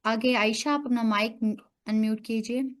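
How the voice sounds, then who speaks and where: With a fairly high, fairly even, unhurried voice, a woman with an Urdu accent leads an online Quran recitation class by video call. She patiently corrects each student's pronunciation point by point.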